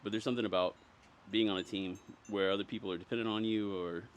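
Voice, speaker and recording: A man's voice: on the low side, steady tone, quick pace, lo-fi sound, slight background noise. A man in his thirties, an amateur ballplayer, speaking sincerely and thoughtfully in an interview. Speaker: amateur baseball player. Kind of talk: reflective interview.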